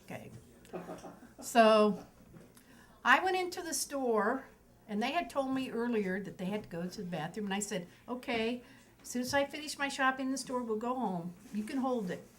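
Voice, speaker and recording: An older woman, mother of eleven, casually tells family stories in a fairly high voice at normal speed, laughing a lot and acting out her children's quoted voices with lively energy. The recording quality is low.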